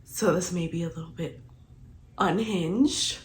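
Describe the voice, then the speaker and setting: A young woman with a husky, fairly low voice and a measured pace talks chattily about her reading in a rambling book vlog. She sounds congested and stuffy and uses "like" as filler over and over.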